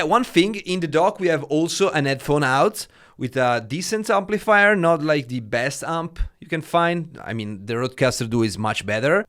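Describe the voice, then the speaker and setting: A man's voice: medium pitch, fairly bright tone. Italian-accented man reviewing tech gear casually. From Italy. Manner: chatty, many fillers like "uh" and "like". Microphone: dynamic studio mic through an audio dock.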